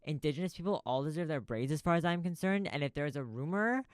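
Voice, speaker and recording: A man's voice: fairly high pitch, expressive, quick pace, smooth, no echo. A man hosting a podcast in a small recording studio, rambling through a profane, stream-of-consciousness info dump. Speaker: podcast host. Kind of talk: casual rambling monologue.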